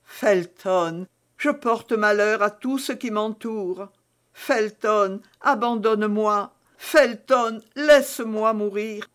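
A man's voice: sits high, slow. A man voicing a desperate, seductive noblewoman held captive, pleading theatrically in an audiobook reading. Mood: despairing.

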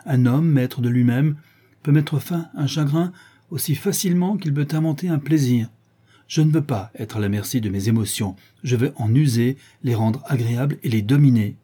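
A man's voice: medium pitch, moderate pace, warm tone, husky, natural voice. A man voicing a detached young male aesthete in an audiobook, speaking in a lofty, languid, self-assured way. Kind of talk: audiobook character reading.

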